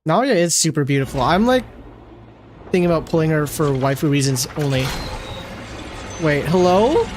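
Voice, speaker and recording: A woman streamer reacting live and casually to a game, excitable and slangy, repeating herself in disbelief. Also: deep voice, normal speed.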